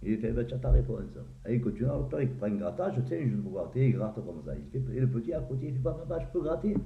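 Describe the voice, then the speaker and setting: A fast-talking man with a sing-song, mid-range voice and vocal fry tells crude jokes casually, acting out characters and laughing at his own punchlines. The sound is echoey and tinny like a phone call.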